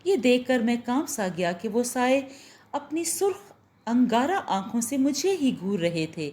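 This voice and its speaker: A woman narrating a horror-romance story in a steady, expressive reading voice. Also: a little high, a little slow.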